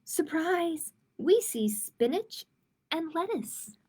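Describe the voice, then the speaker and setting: Her pitch is extremely high, sing-song and mellow as this adult woman slowly reads picture books aloud to young children, with informal asides for viewers. She hosts a children's library storytime streamed live online, and a little hiss or hum is audible.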